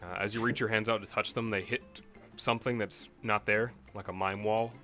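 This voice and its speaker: A man's voice: lowish voice, steady tone, fairly quick, pushed and bright. A man narrating a tabletop game as game master, improvising scene descriptions in an informal way. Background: guitar music.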